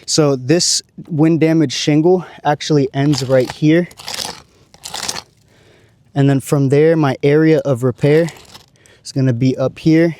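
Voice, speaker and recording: A man working as a roofer, talking through a shingle repair step by step, his voice going hoarse after a long day. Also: fairly high pitch, fairly even intonation, a little slow, pauses often, warm tone, slight background noise. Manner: careful, explaining each step. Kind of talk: on-site repair walkthrough. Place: on a rooftop outdoors.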